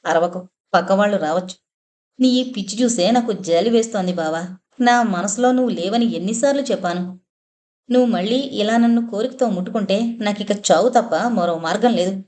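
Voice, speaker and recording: A woman's voice: medium pitch, moderate pace, a little mellow, lightly acted. A woman voicing a grieving, torn young blind woman in an audiobook novel, with a tearful, pleading delivery. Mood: anguished.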